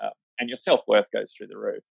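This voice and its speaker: A man's voice: lowish voice, steady tone, a little fast, creaky, husky, no room sound. A man talks casually as an interview guest about life as a vet. He rambles with many fillers and acts out the voices of people he quotes. The recording is dry and a little dull. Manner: acts out voices when quoting.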